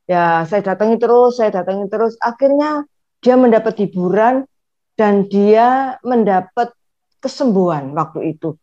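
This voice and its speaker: A woman speaks earnestly in an online church Q&A, repeating phrases as she tells her story. Her voice sits at a middling pitch. The call audio is dull and muffled. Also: animated, a little slow, warm tone. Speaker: congregant asking a question.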